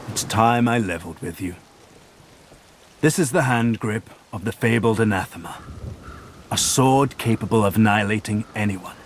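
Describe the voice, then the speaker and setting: A scheming scholar noble. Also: male voice, mid-range voice, a little hiss or hum. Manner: measured, grandiose speech. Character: scheming scholarly male noble, smooth and persuasive. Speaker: game character. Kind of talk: video game voice acting. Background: faint game music.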